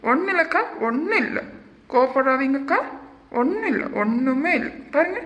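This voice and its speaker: A woman's voice: high-pitched, lively intonation, normal speed, fairly bright tone. A woman voicing a put-upon young cartoon woman who keeps pleading and complaining. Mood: placating. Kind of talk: cartoon voice acting.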